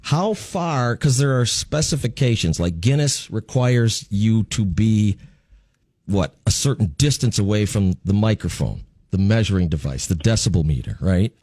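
A man's voice: fairly low pitch, animated, moderate pace, a little mellow, husky, no echo. A man hosting a casual, joking radio interview in a sarcastic, irreverent way. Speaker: radio show host.

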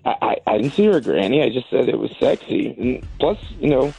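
Stammering, awkward man with a lively voice. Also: mid-range voice, a little fast, gravelly, breathy edge, lo-fi sound. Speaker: guest on a radio show.

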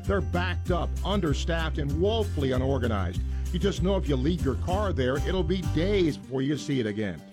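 A man's voice: a little high, lively intonation, normal speed. A man hosting sports talk radio, reading ad copy and introducing the show in a radio presenter's style. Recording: music bed behind the voice. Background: guitar music.

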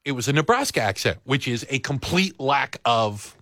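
A man's voice: mid-range voice, moderate pace, no echo, studio quality. A man hosting a radio talk show, chatting casually and teasing his co-hosts. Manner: joking, animated, teasing. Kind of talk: casual chat.

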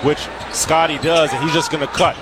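A man's voice: a little high, fairly even intonation, normal speed. A man giving live color analysis of a basketball game in a conversational, explanatory way. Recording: arena noise behind voice. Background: basketball arena crowd.

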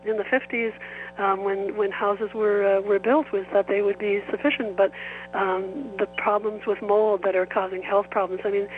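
A woman giving an unscripted interview answer, halting as she searches for words. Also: mid-range voice. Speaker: farm union committee member giving an interview. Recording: thin phone-like band-limited line.

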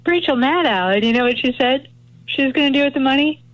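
A woman who works as a criminal defense attorney, speaking as a regular guest on a talk radio show in a chatty, animated way. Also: sits high, dull audio, crowd noise. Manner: chatty, animated, quick opinions.

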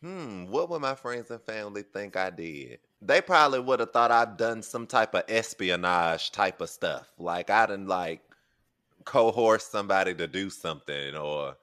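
An American man with a deep voice co-hosting a podcast, asking questions and trading anecdotes in casual chat. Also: animated, a little slow, fairly bright tone, clean tone. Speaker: podcast co-host.

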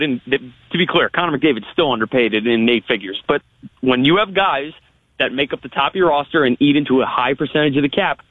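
A man's voice: a little high, no echo. A male analyst talks through sports arguments in a conversational way, stammering over repeated words as he builds a point. He is on a slightly dull phone line, with no room sound. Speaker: hockey analyst guest. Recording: band-limited phone line on radio.

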